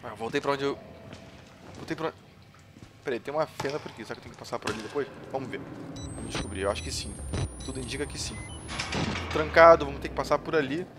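A man's voice: mid-range voice, fast, long pauses, noisy background. A man from Brazil commentating a horror game, nervous and jumpy, swearing and making nervous jokes. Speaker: gameplay streamer. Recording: game music underneath.

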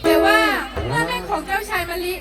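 Teen female skit narrator: very high, loud and theatrical, recorded far off with echo. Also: brisk, loud music behind the voice. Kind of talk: live amateur stage storytelling. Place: school camp performance before a crowd. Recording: echoey, distant, noisy crowd.

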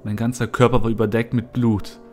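A man narrating a horror story in the first person, in a somber, low-key manner. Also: flat delivery, brisk. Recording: soft music behind.

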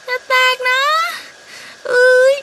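Girl doing a high bright crow guy, sweet n coaxing, bit of hiss on the tape. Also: animated, normal speed. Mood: panicked. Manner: coaxing, then yelping in panic. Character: eager young male crow, kind big brother.

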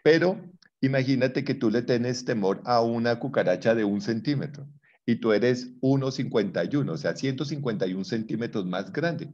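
A man's voice: medium pitch, moderate pace, a little mellow, dull audio. A man teaching a psychology class, explaining with playful examples and teasing his students. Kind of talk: online class lecture.

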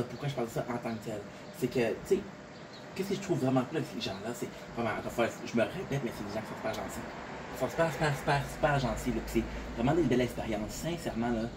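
A slightly tired content creator from Montréal, with a Québécois French accent and a medium-pitched voice, talks casually to the camera. He rambles, repeats words and leans on fillers often. His voice sounds distant against clear outdoor ambience and a noisy background.

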